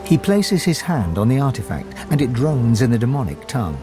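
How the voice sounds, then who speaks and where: A man voicing the solemn narrator of a video game, reading with dramatic, expressive delivery over game music. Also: medium pitch, brisk, close to an everyday voice. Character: solemn male storybook narrator.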